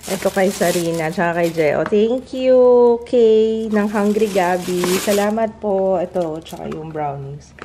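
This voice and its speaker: Her voice is mid-range and mellow, measured in pace with few pauses, and the recording carries slight hiss or hum. She's a Filipino family vlogger in her thirties, chatting to the camera and family in a large home kitchen, switching between Tagalog and English as kitchen sounds come through clearly.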